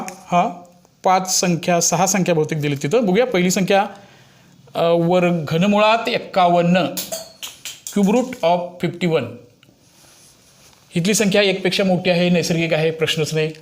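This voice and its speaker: A man teaching maths step by step, explaining to children and coaxing them with frequent check questions. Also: fairly high pitch.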